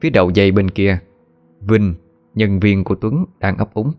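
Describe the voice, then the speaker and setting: Male narrator, deep-ish register, measured horror storytelling over faint music. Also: darkish tone. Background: faint background music.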